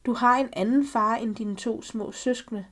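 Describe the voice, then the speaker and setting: A woman reading the lines of a widowed older mother who gently and solemnly confesses a family secret. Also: on the high side, natural voice. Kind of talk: reading a story aloud.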